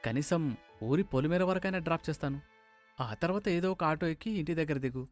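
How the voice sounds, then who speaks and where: A man's voice: a little high, lively intonation, a little fast, faint music behind, close to an everyday voice. A man voicing an earnest, assertive young man in a cartoon story. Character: confident young man, a medical student.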